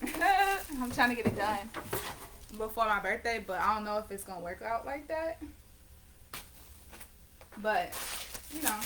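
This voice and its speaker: Against a noisy background, a fairly high, sing-song voice talks a little slowly and pauses often. The nineteen-year-old painter and vlogger chats casually to her viewers, rambling and correcting herself in a conversational way.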